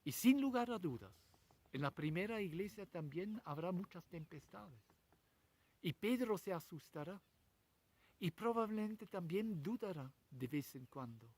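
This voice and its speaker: A man preaching a sermon as a pastor, retelling a story in short, measured phrases with rhetorical questions. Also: high-pitched, lively intonation, a little mellow. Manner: speaks in short, measured phrases with frequent pauses.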